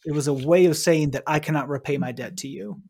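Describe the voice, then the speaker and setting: A man's voice: on the high side, fast talker, vocal fry, darkish tone. A man co-hosting a casual podcast, chatting and reading scripture aloud with emphasis. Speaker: podcast co-host. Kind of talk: casual lectionary podcast chat.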